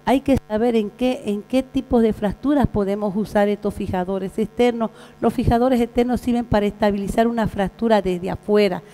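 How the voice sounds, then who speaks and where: A woman's voice: mid-range voice, steady tone, warm tone. Bolivian woman lecturing in a reverberant hall. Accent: Bolivian Spanish. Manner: halting, frequent fillers and restarts. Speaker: veterinary surgeon lecturer. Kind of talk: conference lecture. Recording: reverberant hall with mains hum.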